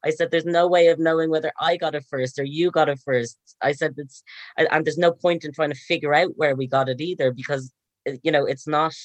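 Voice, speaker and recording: A young man recounting events in casual chat, calm and measured as he retells a conversation. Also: a little high, dry recording. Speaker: guest.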